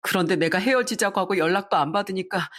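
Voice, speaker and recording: A woman's voice: medium pitch, fast talker, a bit bright, lightly acted. Woman reading a sorry cheating husband, pleading, plain mid voice. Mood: guilty pleading. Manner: apologetic, pleading. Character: guilty pleading husband, middle-aged.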